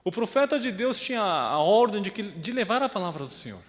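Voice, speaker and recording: Animated preacher, echoey hall. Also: male voice, high-pitched, brisk, slight background noise. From Brazil. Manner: conversational preaching, often asks "né?" and acts out quoted voices. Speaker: pastor. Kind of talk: sermon with personal story.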